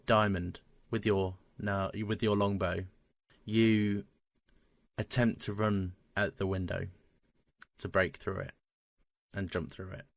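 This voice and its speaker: Slow-paced man as game master, low voice, dry close mic. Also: little pitch movement, gravelly, no echo. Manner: halting, with many restarts and fillers. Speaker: dungeon master. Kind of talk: running a tabletop game.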